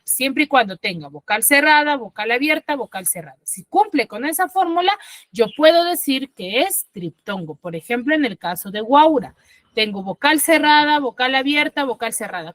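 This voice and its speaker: High bright-voiced woman teacher. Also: dry recording. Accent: Peruvian Spanish. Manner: patient, explanatory, checks understanding often. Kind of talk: online class lecture. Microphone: computer mic on video call.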